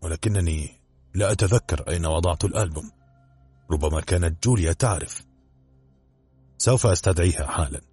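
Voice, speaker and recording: A man's voice: sits low, a little fast, long pauses, a little mellow, slightly rough, faint music behind. A man voicing a nearsighted, forgetful aunt who is polite and a little flustered, in a storybook reading.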